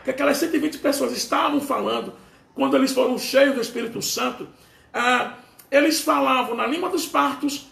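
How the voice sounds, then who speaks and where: A man's voice: very high voice, normal speed, vocal fry, a bit bright, echoey room. A man preaching a sermon, explaining a Bible passage to his listeners.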